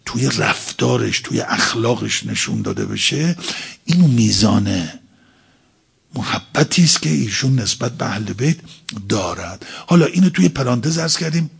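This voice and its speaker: A man's voice: medium pitch, big pitch swings, gravelly, breathy edge. A man preaching a religious talk, explaining by asking and answering his own questions. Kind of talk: sermon.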